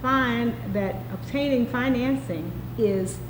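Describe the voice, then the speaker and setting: A woman's voice: a little high, takes it slowly. A woman in her sixties giving answers in an interview. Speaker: interviewee, restaurant owner. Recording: echoey room with clear background noise.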